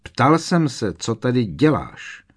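A man's voice: fairly low pitch, lively intonation. A man voicing an irritable, scornful grown man who talks sharply and impatiently, in an audiobook.

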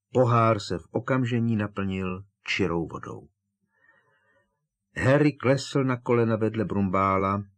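A man reading an audiobook as the narrator, telling the story in a steady, dramatic way. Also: on the low side. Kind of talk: scripted narration.

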